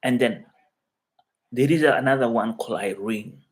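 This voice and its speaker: A man from Mozambique whose first language is Chuabo hosts a casual live stream from his living room, reading viewer comments and chatting. His English is halting, full of fillers and restarts, in a medium-pitched voice.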